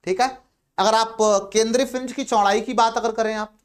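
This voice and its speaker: A man lectures on physics at the board in a fairly high voice. He poses questions to the class, answers them himself and repeats each key term, with chatty asides to his students. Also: steady tone, moderate pace, clean tone. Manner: repeats key terms and says "ठीक है" often. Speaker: physics teacher. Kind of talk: blackboard lecture in Hindi.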